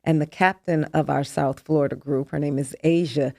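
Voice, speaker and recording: A woman in her fifties, an interview guest, speaking in a calm, measured way. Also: low voice, creaky, no echo, clean studio sound. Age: 50s. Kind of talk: candid interview chat.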